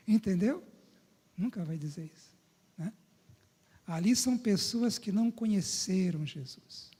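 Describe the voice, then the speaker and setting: A man's voice: high voice, lively intonation, measured pace, pauses often, dark tone, slightly rough. A man from Brazil, a pastor, preaching a conversational sermon in a church and often checking in with his listeners through short tag questions. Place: church sanctuary. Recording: long church reverb.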